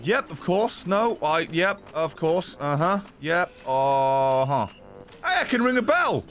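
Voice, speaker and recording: A man commenting live on his video game, swearing often and swinging between low mutters and exasperated shouts. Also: big pitch swings, slow pace. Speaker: streamer. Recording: gameplay stream with music behind.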